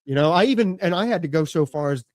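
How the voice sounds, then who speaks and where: A man's voice: a little high, lively intonation, fast, a little mellow. Rambling man in his late thirties. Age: late 30s. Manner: rambling, full of "you know" and "like", casual swearing. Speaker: podcast guest. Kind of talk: casual conversation.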